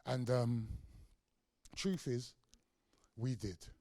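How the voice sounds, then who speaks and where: A middle-aged man gives a conversational storytelling lecture. He acts out quoted voices in a raised pitch, with casual fillers between his points. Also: very slow, warm tone, no echo, clean studio sound. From England. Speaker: guest lecturer.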